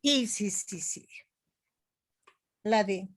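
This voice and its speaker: A woman teaching a class, explaining slowly and warmly addressing her students as young ones. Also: medium pitch, dry recording, clean studio sound. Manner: slow, explanatory, calls students "jovencitos". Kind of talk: online class lecture.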